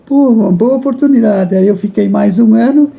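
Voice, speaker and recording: A man, a guest recalling his youth in a halting way that repeats words, with frequent chuckles. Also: high-pitched, vocal fry, warm tone. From Rio Grande do Sul, Brazil. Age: 80s. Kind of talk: reminiscing in a casual interview.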